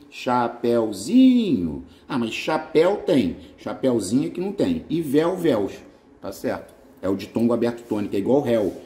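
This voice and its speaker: A Brazilian man with a Brazilian Portuguese accent runs through quiz answers for exam prep. His pitch swings widely from line to line, and his tone stays dark and mellow. He keeps tagging his points with "né?" and "tá?". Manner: animated, often checks in with "né?" and "tá?". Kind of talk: lively grammar quiz walkthrough.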